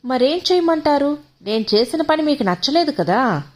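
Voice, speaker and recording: Lady reading as a timid young wife, pleading in a lifted high voice, audiobook. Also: very animated, moderate pace. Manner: pleading, hurt.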